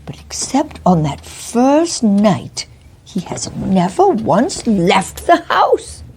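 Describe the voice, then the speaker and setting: A woman's voice: on the high side, very animated, takes it slowly, warm tone, a little hiss or hum, heavily acted. A woman playing a nervous, deferential Victorian landlady in a mystery role-play, with a stammering, frightened manner. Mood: anxious, deferential.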